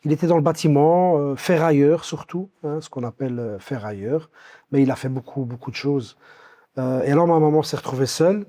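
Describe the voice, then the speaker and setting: A Belgian-born man in his fifties, recounting his life story as an interview guest, with many pauses and restarts. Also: medium pitch, mellow. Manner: hesitant, many fillers and restarts.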